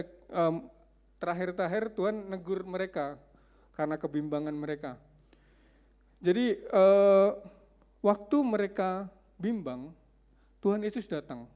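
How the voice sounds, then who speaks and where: A man's voice: high voice, warm tone. A male preacher giving a conversational sermon, often putting questions to his congregation.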